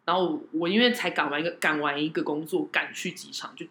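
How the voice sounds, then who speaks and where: A woman hosts a casual chat, telling stories at a quick clip. Her voice is bright and swings widely, animated and self-deprecating, with some room echo. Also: sits low, slight background noise. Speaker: show host telling personal anecdotes.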